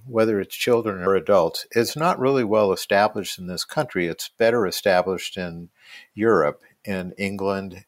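A male doctor talks through medical matters in a conversational, explanatory way. His voice is on the low side, recorded very dry with no room sound. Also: no room sound. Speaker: doctor, podcast expert.

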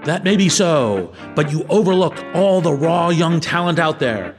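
A man's voice: a little high, animated, measured pace, faint music behind, pitched above the performer's own voice. A man playing a grandiose, heroic captain in a parody radio serial, declaiming his lines. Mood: proud.

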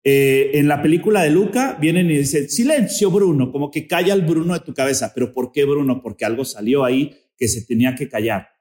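A man's voice: medium pitch, a little fast, hardly any pauses, a little mellow, echoey room. A man appearing as a podcast guest, talking casually about spirituality and often searching for words as he goes.

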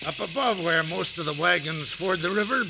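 A man playing a bullying, vengeful outlaw with a gruff American Western accent in an old-time Western drama. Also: high voice, animated, normal speed, over music. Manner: gruff, threatening.

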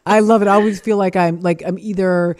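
A woman's voice: mid-range voice, steady tone, fairly quick, darkish tone. A woman hosting a radio show, chatting with two guests and laughing easily. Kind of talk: casual radio interview.

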